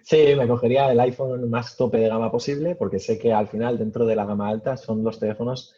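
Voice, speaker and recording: A man answering interview questions casually, with many fillers and pauses. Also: mid-range voice, fairly even intonation, warm tone, slightly rough, dull audio. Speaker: podcast guest.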